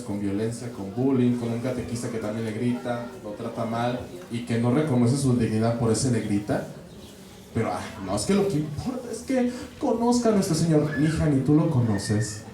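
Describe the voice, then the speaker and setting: A man's voice: medium pitch, dark tone. A man with a Mexican accent teaching a catechist training class in a conversational lecture style, often checking in with his listeners. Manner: conversational, checks in with frequent questions. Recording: very echoey room, voice far from mic.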